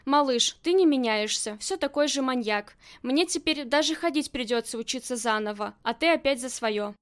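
A woman's voice: high voice, moderate pace, close to an everyday voice. Woman reading a wry, hard woman gang boss.

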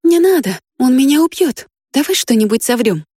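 A woman doing a gentle anxious young girl. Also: high voice, big pitch swings, moderate pace, husky, no echo, studio quality, voice pushed up, heavily acted. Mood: anxious tender. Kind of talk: audiobook character voice.

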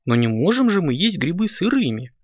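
A man voicing a calm, caring mother cat who explains things gently, on a dull lo-fi recording. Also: a little high, moderate pace, creaky, breathy edge, dry recording, voice pushed up, full character voice. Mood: gentle.

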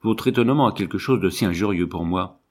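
Man doing a curt touchy young husband, voice dropped low, storybook reading. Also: fast talker, a little mellow, husky. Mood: indignant. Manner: curt, defensive. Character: brusque, irritable young husband.

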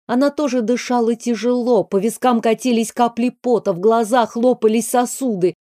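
A woman reading a novel aloud as an audiobook narrator, in a measured storytelling manner. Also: on the high side, steady tone, warm tone, no room sound, clean studio sound. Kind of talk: scripted narration.

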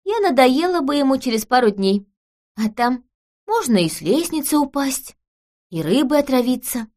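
A woman reading an audiobook, voicing a calm, earnest young woman who speaks in a serious, matter-of-fact way. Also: high voice, normal speed, voice pushed up.

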